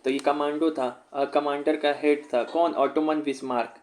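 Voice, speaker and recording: A man's voice: fairly high pitch, little pitch movement, normal speed, a little mellow. A man tutoring one student in history, explaining in a casual way and often asking questions back to check recall. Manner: repetitive, quizzing the student, mixing in English phrases. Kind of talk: informal one-on-one history lesson.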